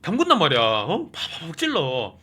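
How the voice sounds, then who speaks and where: A male movie reviewer tells the plot in a loose, casual way and often tosses in a questioning "eh?". His voice is bright and fairly high, and it swings widely in pitch. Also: fairly quick, husky. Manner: animated, keeps adding a questioning "eh?". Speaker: movie review channel host.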